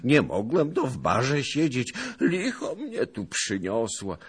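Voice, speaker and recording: A man voicing a boastful, blustering old nobleman who scoffs loudly and theatrically. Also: medium pitch, huge pitch swings, takes it slowly, breathy edge, pitched above the performer's own voice, exaggerated voice. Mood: fearful ranting.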